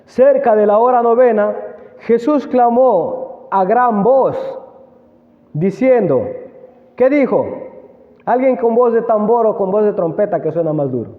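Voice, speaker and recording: Male preacher, very high voice, sermon, questioning, echoey hall, tinny phone-like sound. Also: lively intonation. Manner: asks the congregation questions, slow emphatic reading.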